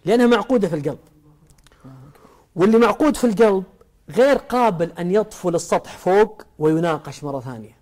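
A man gives a religious talk in a fairly high voice. He moves at a brisk clip and keeps asking his listener questions. He builds his points from playful everyday examples. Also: lively intonation, darkish tone. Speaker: religious preacher.

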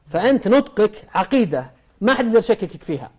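A man's voice: high voice, sing-song, quick pace. A male preacher, giving a conversational religious talk that leans on rhetorical questions and playful everyday examples.

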